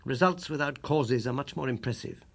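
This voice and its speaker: In an audiobook, a man plays a crisp, confident British gentleman detective, his voice high and a touch shrill, quick and cutting in delivery. There's a gravelly texture, and he sounds assured as he explains.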